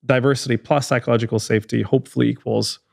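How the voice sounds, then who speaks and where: A fast-talking man in his thirties with a Hungarian accent and a gravelly, steady mid-range voice is interviewed as a guest on a studio podcast. The HR executive is thoughtful, with many restarts and fillers.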